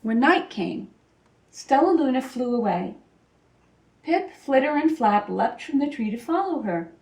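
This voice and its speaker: A woman reads a children's story with careful expression. Her voice is high and the pace is slow, picked up from a slight distance in a roomy space. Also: sing-song, gravelly, a little mellow. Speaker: storybook reader. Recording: echoey room, distant microphone.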